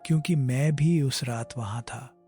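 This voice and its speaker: A man playing a defensive, guilt-ridden village headman in a horror story, with a husky, dark voice. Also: mid-range voice, a little slow, close to an everyday voice. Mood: guilty confessing. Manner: defensive, confessional. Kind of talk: scripted horror story acting. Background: prominent music.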